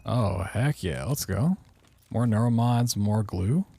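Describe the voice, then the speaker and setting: A man's voice: on the low side, lively intonation, slow pace, vocal fry, warm tone, slightly rough. A man giving casual speedrun commentary, informally thinking aloud as he plays. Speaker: speedrunner, game streamer.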